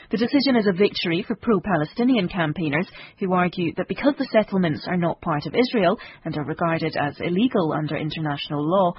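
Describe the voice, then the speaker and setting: A British woman reading a scripted radio news bulletin in a measured, formal manner. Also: on the low side, husky, no room sound, lo-fi sound. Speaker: newsreader.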